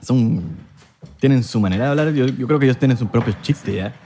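A man's voice: mid-range voice, a little fast, mellow, a little hiss or hum. A Venezuelan man in a loose, jokey conversation, full of slang and teasing. His voice sits in an ordinary middle range. He talks like he is hanging out with a friend. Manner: joking, slangy banter. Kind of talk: casual chat.

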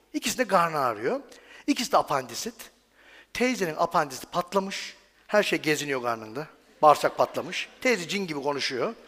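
A man's voice: on the high side, bright, forceful tone. A man giving a stage talk in a chatty, joking way, often putting questions to the audience. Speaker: medical professor giving a talk. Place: large hall on stage. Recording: reverberant hall.

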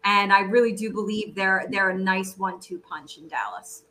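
A woman's voice: medium pitch, moderate pace, sharp tone. A woman co-hosting a sports show, chatting casually through a ranked countdown and often saying "like". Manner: conversational, frequent "like".

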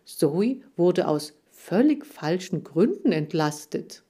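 A woman voicing a cautious, bossy male hamster in an audiobook, speaking low and measured. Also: very animated, dark tone, husky, full character voice. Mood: dry and bossy. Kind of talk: audiobook character voice.

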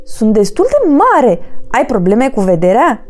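A woman's voice: fairly high pitch, very animated, soft background music. A woman voicing a clumsy, brave young male mouse in a children's story, talking eagerly. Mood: indignant. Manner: eager and chatty.

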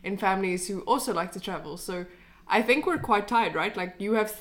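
A woman's voice: mid-range voice, fairly quick, a bit bright. Chatty South African woman hosting a podcast. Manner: chatty, upbeat, asks her guest questions. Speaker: podcast host. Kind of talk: casual podcast chat.

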